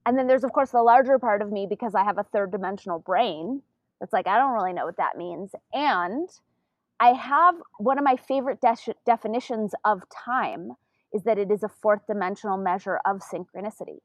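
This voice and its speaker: A woman co-hosting a podcast, engaged and quick to chime in with questions. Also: medium pitch, no echo. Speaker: podcast co-host. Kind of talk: casual spiritual conversation.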